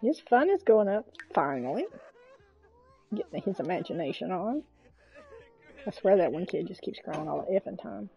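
A woman's voice: fairly low pitch, very animated, normal speed, creaky, long pauses, highs cut off. A woman streaming a game, chatting casually and coaxing her game characters, with mild swearing. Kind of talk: casual gameplay commentary.

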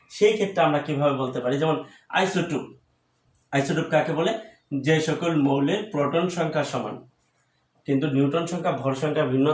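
Bangladeshi man teaching in an echoey room. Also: a little high. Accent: Bangladeshi Bengali. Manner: slow, repetitive, drilling definitions. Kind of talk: chemistry lesson at a board.

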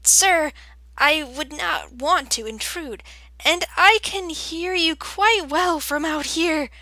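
Storybook lady mouse, acted by a woman: high, timid, well-mannered, careful. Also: takes it slowly, pushed and bright, no echo, exaggerated voice, rough recording. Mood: timid, polite. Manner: timid, polite. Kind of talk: audiobook character voice.

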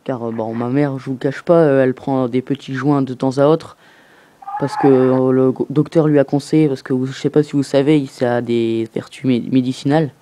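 A man making a casual inquiry over the phone, halting and earnest in his delivery. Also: medium pitch, fairly even intonation, mellow. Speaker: prank caller. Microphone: telephone call. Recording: noisy telephone prank recording.

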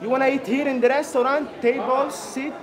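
Impatient fast-talking man at a counter. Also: very high voice, little pitch movement, over a noisy crowd. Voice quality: non-native English. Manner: impatient, repeats himself. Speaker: restaurant worker.

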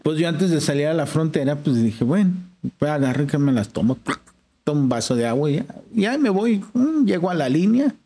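A man's voice: fairly high pitch, big pitch swings, a little fast, warm tone. A man with a Mexican accent, a podcast guest telling a long personal story in casual slang and acting out the dialogue. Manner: slangy, acts out quoted dialogue.

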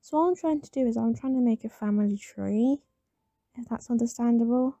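A woman who has just woken up, with a slightly raspy morning voice, giving casual commentary while playing a game. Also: fairly high pitch, brisk, dark tone, dry recording. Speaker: gamer narrating gameplay.

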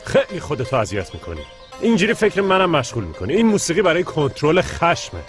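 A man's voice: a little high, wildly swooping pitch, faint music behind. A man dubbing a playful young man in a TV comedy drama, talking in a coaxing, mock-soothing way.

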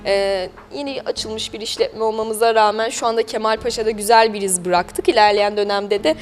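A female local TV host interviews business owners in a wordy, polite, chatty way. Her mid-range voice has a steady tone and moderate pace, with music behind it and slight background noise.

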